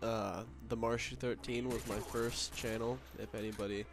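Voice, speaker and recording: A man's voice: on the low side, level tone, moderate pace. A young man with a nasal voice from a cold, rambling casually over game footage with lots of fillers and swearing. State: sick, nasal. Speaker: gaming commentator. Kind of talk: casual gameplay commentary. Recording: noisy with game gunfire behind. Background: game gunfire.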